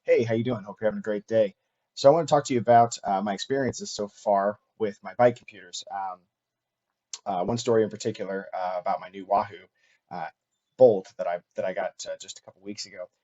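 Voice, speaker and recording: A man talking casually and unscripted as host of a cycling vlog, halting often with fillers and restarts. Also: on the low side, fairly even intonation, mellow, dull audio. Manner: halting, filler-heavy delivery with frequent restarts.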